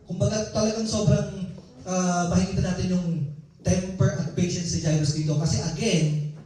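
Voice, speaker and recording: A man with a high, mellow voice preaches a sermon, telling it like a personal story as he talks to the congregation. He is recorded from a distance in a very echoey church hall. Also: steady tone, normal speed.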